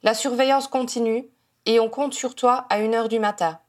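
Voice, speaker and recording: Calm firm wizard cop boss, polite but steady, woman reading him. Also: a little high, moderate pace, lightly acted. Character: calm, firm male head of the wizard police.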